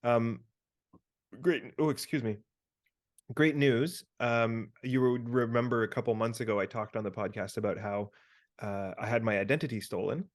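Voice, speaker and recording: Speaking over a video call, a man co-hosting a podcast shares a personal story and offers listeners advice. He rambles in a relaxed way with lots of fillers, at normal speed and a medium pitch.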